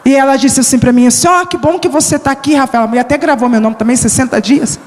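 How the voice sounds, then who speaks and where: A woman missionary giving an emotional sermon testimony, shouting at the peaks and drawing out slow phrases. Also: sits high. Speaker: missionary preacher. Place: church hall. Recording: long hall reverb.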